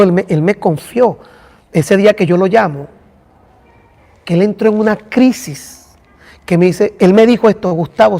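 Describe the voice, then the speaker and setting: A man's voice: high-pitched, gravelly, darkish tone, in a large hall. A man, a pastor teaching a church class and talking directly to listeners by name. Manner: addresses listeners by name, conversational.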